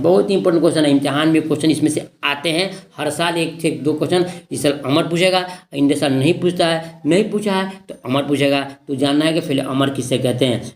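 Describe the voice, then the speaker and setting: A man with a Bihari Hindi accent teaches an exam-prep grammar lesson. His voice sits a little high, and he goes over each point more than once, quizzing his students as he goes. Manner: repetitive, quizzing students with questions.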